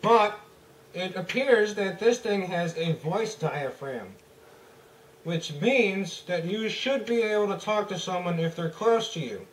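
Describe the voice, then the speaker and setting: A man's voice: sits high, expressive, unhurried. A man giving a casual product review while talking through a gas mask, his voice muffled. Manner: muffled, loose and chatty, addressing viewers. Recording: roomy echo, distant from the mic.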